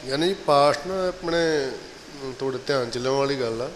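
Man making halting conversational asides. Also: medium pitch, big-room sound, slight background noise, poor audio. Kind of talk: casual remarks.

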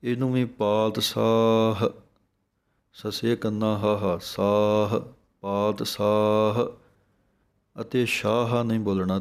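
Male recitation teacher, low steady voice, unhurried chanting then patient explanation. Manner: chants scripture lines slowly, then explains spelling and sounds. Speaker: gurbani pronunciation teacher. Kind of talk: slow recitation lesson with explanations.

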